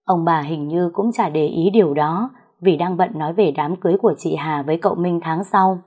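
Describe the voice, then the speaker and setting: A woman narrating a first-person story in a calm storytelling voice. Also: fairly low pitch, a little fast, slightly rough.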